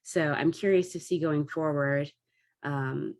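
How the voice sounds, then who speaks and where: Casual, enthusiastic talk about theatre craft comes from a woman who sounds like a director reflecting on performance. Her voice is low and somewhat dark, her tone steady, and her pace a little slow.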